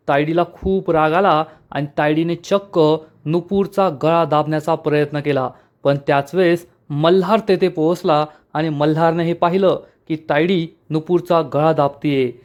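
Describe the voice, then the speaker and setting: A man narrating a scripted recap of a TV serial episode, addressing viewers as friends. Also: on the high side.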